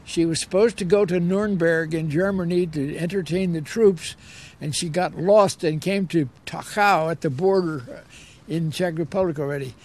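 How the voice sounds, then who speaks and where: An elderly American war veteran in his 80s or older reminisces about his service during an interview. His voice is a little high and moves at normal speed, though he tells his story unhurriedly, repeating words for emphasis.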